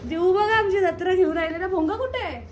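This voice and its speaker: A woman with an Aagri Marathi accent, chatting casually for her vlog and calling out to family members in a lively, coaxing way. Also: very high voice, fast. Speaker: vlogger. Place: outdoors at a crowded temple festival. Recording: noisy outdoor phone recording with crowd.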